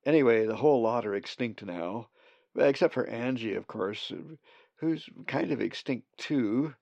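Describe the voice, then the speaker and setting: A man's voice: mid-range voice, expressive, unhurried, gravelly, a little mellow, no echo. Man doing a rambling mythical creature. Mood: offhand. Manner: rambling, offhand. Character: chatty mythical male creature. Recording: dull dry lo-fi recording.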